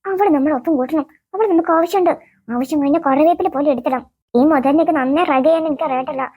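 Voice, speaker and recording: A woman voicing a scheming schoolgirl who mutters her plans in a low, conspiratorial voice. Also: quick pace, phone-quality sound, lightly acted. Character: scheming schoolgirl, sly and plotting. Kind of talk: cartoon voice acting.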